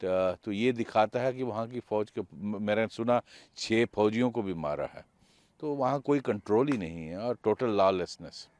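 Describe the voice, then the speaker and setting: A man's voice: fairly low pitch, moderate pace, darkish tone, no room sound. A man giving blunt, indignant news commentary.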